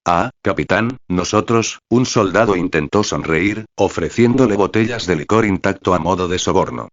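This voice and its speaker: A man's voice, synthetic-sounding, reads a fan fiction audiobook in an even, flat way. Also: deep voice, normal speed, no echo. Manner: even, flat reading that spells out web addresses. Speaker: narrator. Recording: dry, slightly dull lo-fi sound.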